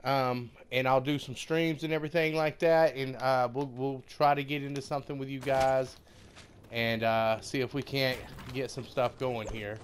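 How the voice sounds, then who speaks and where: A man's voice: mid-range voice, little pitch movement, moderate pace, a little hiss or hum. A man who makes gaming videos, talking casually to his viewers in an informal, buddy-like way. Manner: informal, familiar buddy-like address. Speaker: gaming YouTuber.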